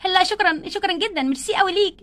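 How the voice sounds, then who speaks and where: A woman's voice: very high voice, racing, a bit bright. A woman with an Egyptian accent voicing a carefree, demanding wife doll in a play. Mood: breezy. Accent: Egyptian Arabic.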